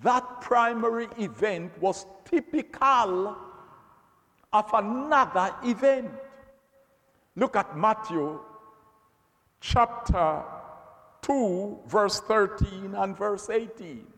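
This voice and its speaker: A male Bible teacher speaks very slowly and deliberately, stressing each phrase and doubling back on his words. His voice sits fairly high. The room has a long, echoing reverb. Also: animated, a bit bright. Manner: slow, emphatic, repeats words. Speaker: preacher.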